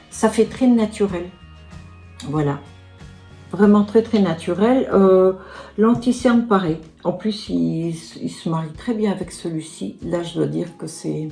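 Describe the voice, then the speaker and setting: With a fairly low, creaky, warm voice, this woman in her sixties chats through a makeup tutorial and product review as a beauty vlogger. Little asides fill her talk, as do "hein" and "voilà".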